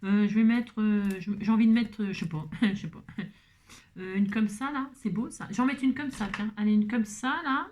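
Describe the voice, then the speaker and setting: A woman's voice: mid-range voice, a little fast, a little mellow, a little hiss or hum. A woman hosting a craft tutorial, chatting playfully to herself and her viewers and breaking into song.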